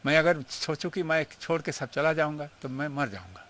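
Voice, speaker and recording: Fairly high-pitched, a bit bright, and expressive, the man talks at a normal speed. He's an older interviewee reminiscing about the years spent with his guru, telling it with earnest emotion and weaving in English phrases.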